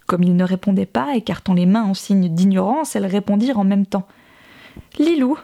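A woman's voice: medium pitch, brisk, gravelly, warm tone. A woman reading a novel aloud as an audiobook, voicing each character's lines with light shifts in her voice. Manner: reads all characters' dialogue with light voice shifts. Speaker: audiobook reader. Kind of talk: scripted narration of a novel.

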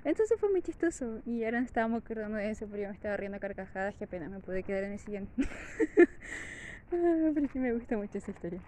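A woman's voice: medium pitch, fast, a little hiss or hum. Giggly Chilean woman telling a story. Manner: laughs often while telling; lively, chatty. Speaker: vlogger. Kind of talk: casual storytelling.

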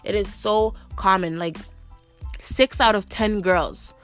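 A woman's voice: mid-range voice, slow pace, fairly bright tone, soft background music. A young woman hosting a podcast, ranting bluntly with lots of profanity and frequent "like". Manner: blunt, profane, repeats "like" often. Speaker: podcast host. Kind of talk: ranting monologue.

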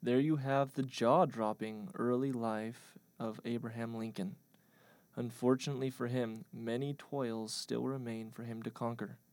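Dude telling a fake history story all deadpan and grand, gravelly voice, dry close sound. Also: male voice, medium pitch, no echo. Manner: deadpan mock-grand delivery. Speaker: narrator. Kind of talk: mock-historical comic storytelling.

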